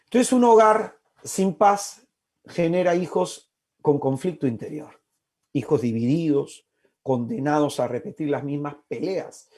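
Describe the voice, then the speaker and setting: A man in his forties from Peru preaches with passion. His voice sits somewhat high but sounds dark and mellow. He stresses key words with slow repetition and drops into hushed asides. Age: 40s. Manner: impassioned, with slow emphatic repetitions and sudden soft asides. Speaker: speaker at a faith-based family talk. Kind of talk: preaching talk.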